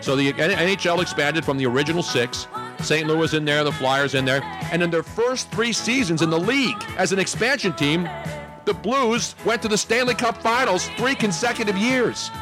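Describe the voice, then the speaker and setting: A man's voice: high-pitched, animated, moderate pace, music in the background. A man in his sixties or older hosting casual sports talk in a joking, emphatic way. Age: 60s or older. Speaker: talk show host.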